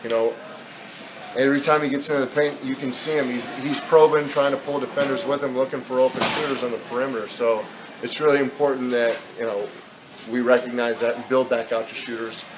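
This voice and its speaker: A man's voice: mid-range voice, steady tone, a little fast. Man in his thirties, basketball coach, postgame interview, candid and rambling, noisy room ambience. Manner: candid, conversational, many fillers and restarts. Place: indoor press backdrop at an arena.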